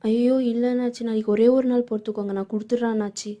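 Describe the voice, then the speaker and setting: Give me a woman playing a harassed young office worker with a slightly high voice, polite then sharply defiant. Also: level tone, racing, dark tone, natural voice. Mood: pleading.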